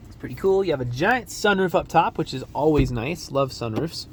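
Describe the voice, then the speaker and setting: Young male salesman, casual walkthrough, a bit high-pitched, light outdoor hum behind. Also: animated. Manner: easygoing, laughs often, quick asides. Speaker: car dealership salesman. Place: car dealership lot and vehicle interior.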